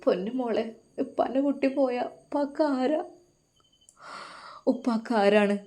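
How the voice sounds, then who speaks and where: A woman voicing a grieving elderly father who is crying and speaks in soft, choked pleas. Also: mid-range voice, fairly even intonation, normal speed, lightly acted. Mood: tearful.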